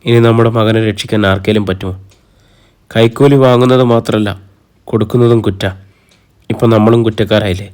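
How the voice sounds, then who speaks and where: A man's voice: lowish voice, steady tone, fairly quick, pauses often, a little mellow, natural voice. A man voicing a distraught mother who accuses her husband of betrayal. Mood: accusing.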